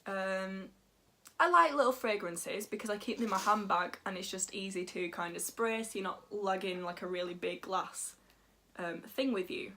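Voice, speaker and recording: A teenage girl, chatting excitedly and giggling as she unboxes beauty samples for her vlog. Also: medium pitch, normal speed, slight background noise. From England, North Yorkshire. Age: teens. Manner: bubbly, gushing, giggly. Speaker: beauty vlogger. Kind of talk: casual unboxing chat.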